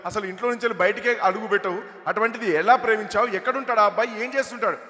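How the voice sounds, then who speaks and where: A man's voice: high-pitched, racing, bright, forceful tone. A man acting an exasperated father who wails dramatically at his daughter, on a comedy stage heard through an echoey hall PA. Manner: wailing, dramatic.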